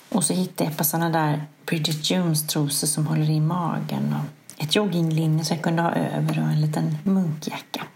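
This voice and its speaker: A middle-aged woman, host of a podcast, telling a personal story in a candid, self-mocking way with a soft, hushed delivery. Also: low-pitched, creaky.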